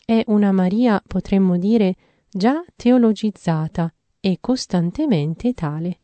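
A woman giving a measured, earnest reading of a devotional theological text. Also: mid-range voice, warm tone.

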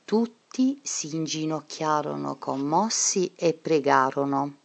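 Woman narrator, storytelling read, unhurried and low. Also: creaky, a little mellow. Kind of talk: storytelling reading.

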